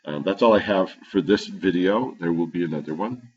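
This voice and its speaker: Very deep male teacher, low-quality built-in mic. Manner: halting, with frequent fillers and restarts. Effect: low-quality built-in computer microphone. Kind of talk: screen-recorded computer tutorial. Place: at home. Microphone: computer's built-in microphone. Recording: dull lo-fi built-in computer mic.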